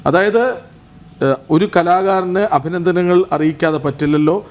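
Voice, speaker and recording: Male TV host; slightly raised pitch, effusive and formal, praising the guest. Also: moderate pace. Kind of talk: television interview hosting.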